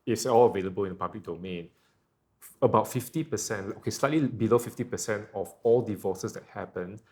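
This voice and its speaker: A man who is a guest on a talk show, explaining his points in a measured way with many "you know"s. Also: on the low side, darkish tone. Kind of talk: casual chat.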